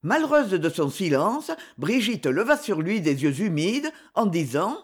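A woman narrating a classic novel aloud in a measured, expressive storytelling manner. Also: on the low side, husky. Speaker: audiobook narrator. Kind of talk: scripted narration.

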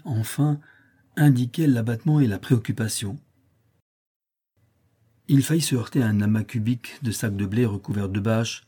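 A man reading a short story aloud, measured and expressive, as an audiobook narrator. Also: medium pitch, husky. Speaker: audiobook reader.

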